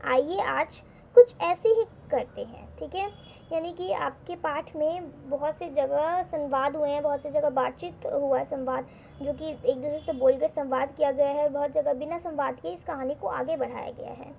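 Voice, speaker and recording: A woman's voice: high voice, normal speed, creaky. A woman teaching a worksheet lesson to children, explaining step by step, repeating words and asking the class questions. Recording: dull lo-fi recording with faint noise.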